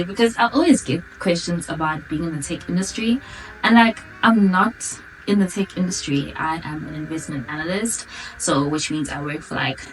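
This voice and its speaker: A woman's voice: fairly low pitch, a little hiss or hum. A 28-year-old South African woman from Durban chatting informally to her viewers in a casual question-and-answer vlog. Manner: chatty, informal, girl-talk address to viewers. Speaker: vlogger. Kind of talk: casual Q&A chat to camera. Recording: distant mic, background music.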